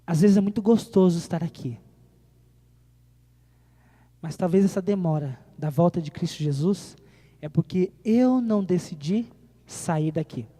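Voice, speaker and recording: A man preaches in a high voice, rising to loud appeals and dropping to near-quiet. He keeps asking the congregation questions. His voice rings with the long echo of a church hall. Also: a little slow, long pauses. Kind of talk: sermon.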